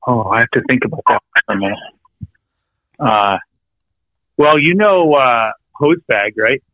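A man's voice: medium pitch, lively intonation, measured pace, no echo, lo-fi sound. A man calling in to a casual chat, confidently explaining slang to the others. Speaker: guest caller.

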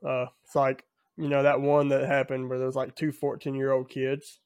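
A man co-hosting a casual podcast chat, speaking haltingly with many fillers. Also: mid-range voice, monotone, a little mellow, smooth, no room sound. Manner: halting, leans on fillers like "you know". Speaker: podcast co-host.

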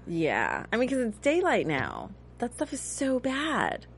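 A woman in her thirties hosting a casual TV recap chat, talking in a chatty, animated way with a touch of cynicism. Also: on the high side, unhurried, slight background noise. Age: 30s. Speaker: host.

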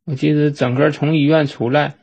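A man with a Northeastern Mandarin accent, recalling a family memory in a halting, repetitive way with frequent restarts. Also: on the high side, level tone, gravelly, darkish tone, slightly rough. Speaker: storyteller. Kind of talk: personal reminiscence monologue. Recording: dull lo-fi recording.

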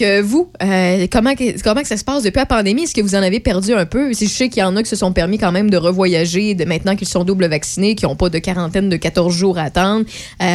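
A woman from Quebec with a Québécois accent, hosting a radio show in a chatty, rambling way, filling pauses with lots of hesitations. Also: mid-range voice, a little mellow. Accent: Québécois French. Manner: chatty and rambling, many fillers. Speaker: radio host. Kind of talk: casual radio chat.

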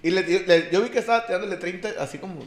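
A man's voice: high voice, fast talker, echoey room. Slangy Mexican man telling a story. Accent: Mexican Spanish. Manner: slangy, peppers every phrase with a filler, acts out voices in quotes. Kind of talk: casual storytelling chat.

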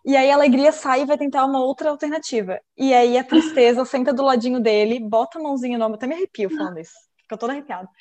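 A podcast co-host chats casually at a racing pace in a high-pitched voice, barely pausing. An upbeat, self-described positive person, she's an animated storyteller who acts out film scenes in different voices as she recounts them.

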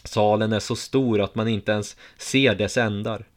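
A man reading a first-person story aloud in a steady, measured way. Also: fairly low pitch.

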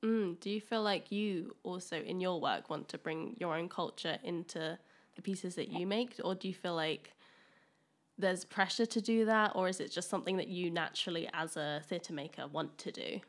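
A woman's voice: on the low side, normal speed. A woman hosting a podcast, asking questions with an encouraging, enthusiastic manner. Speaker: podcast host. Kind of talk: casual interview.

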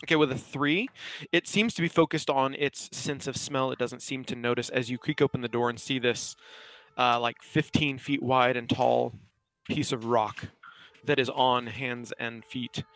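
A man narrating as game master of a tabletop game, describing a creature with many pauses and restarts. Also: mid-range voice, fairly even intonation, a bit bright, dry recording. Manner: hesitant, many restarts and fillers.

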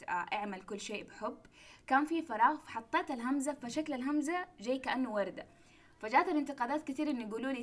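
Fast-talking young woman. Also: a little high. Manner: chatty, candid, quick-flowing. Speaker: guest, artist and calligrapher. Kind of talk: casual chat in an audio room. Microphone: phone.

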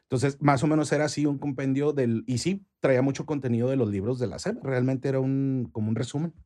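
A man's voice: mid-range voice, fairly even intonation, brisk, warm tone. A Mexican man in his forties, a podcast guest telling anecdotes with frequent fillers and restarts. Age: 40s. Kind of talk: casual podcast interview.

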